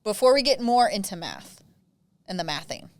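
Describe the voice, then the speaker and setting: A woman co-hosting a casual podcast, telling stories in an animated way and acting out the other voices. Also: mid-range voice, moderate pace. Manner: animated storyteller who mimics the other voices. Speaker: podcast co-host.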